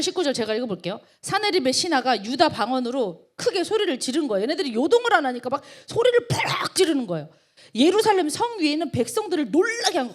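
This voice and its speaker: A woman pastor delivers a sermon in a high, bright voice that swings widely up and down. She preaches emphatically and keeps tossing rhetorical questions at her listeners. Her delivery surges suddenly as she presses each point home. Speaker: pastor of a college ministry.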